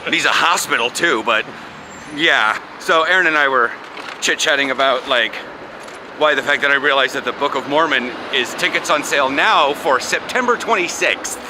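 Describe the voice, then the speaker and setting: A chatty American man vlogs over street noise, rambling and laughing a lot in casual conversation. His voice is medium-pitched at a moderate pace, and outdoor traffic is clearly heard.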